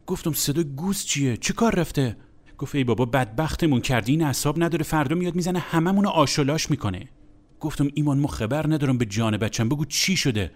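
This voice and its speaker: A young man telling a crude, comic anecdote in a blunt, exasperated way. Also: fairly high pitch. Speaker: storyteller.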